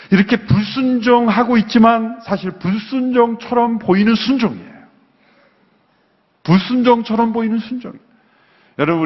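A man preaching a Sunday sermon, earnest, with sudden swings between loud emphasis and quiet low asides. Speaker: pastor. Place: large church sanctuary. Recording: dull church broadcast with long hall reverb.

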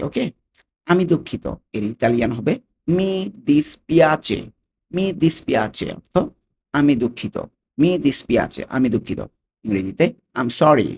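Man, Bangladeshi accent, animated tutor voice, slow drilled repetition, light hiss. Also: mid-range voice, gravelly. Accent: Bangladeshi Bengali. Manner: repeats each phrase slowly, checks in with "okay?". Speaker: language teacher. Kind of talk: phrase-by-phrase language lesson.

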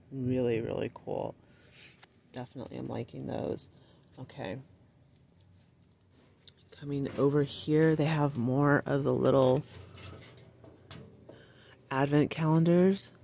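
A woman's voice: rumbling low, creaky, dark tone, a little hiss or hum. A woman, chatting casually through a store as she shows off cute finds on a handheld phone. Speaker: shopping vlogger. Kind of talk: casual shop-with-me commentary. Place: retail store aisle. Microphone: handheld phone camera.

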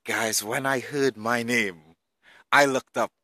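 A man's voice: mid-range voice, steady tone, takes it slowly, sharp tone, no echo. A man telling his personal faith testimony in an earnest, emotional way, moving from storytelling into preaching.

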